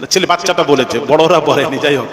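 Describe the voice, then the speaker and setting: A male preacher giving a lively Bengali sermon, acting out the stories he tells and calling his listeners "baba". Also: on the high side, fast. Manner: animated storytelling, acting out quotes; addresses listeners fondly as "baba". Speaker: Islamic preacher. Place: large open-air religious gathering. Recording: echoey PA sound with crowd. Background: large crowd.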